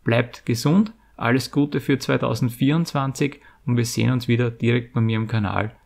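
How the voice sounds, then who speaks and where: A man's voice: mid-range voice, fairly even intonation, normal speed, creaky, darkish tone. A middle-aged man, hosting a video and announcing a giveaway in a wordy, informal explaining way. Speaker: YouTube channel host. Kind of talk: scripted giveaway announcement to viewers.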